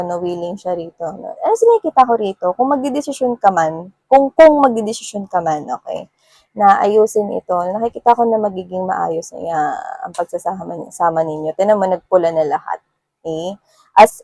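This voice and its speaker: A woman's voice: lowish voice, darkish tone, no echo. A woman with a Filipino accent giving a casual tarot reading, chatty and full of filler words and tag questions. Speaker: tarot reader.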